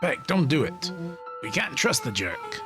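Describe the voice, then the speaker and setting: A man's voice: on the high side, big pitch swings, a little slow. Guy doing a blurting defiant kid, urgent, raised voice, music going. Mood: urgent defiance.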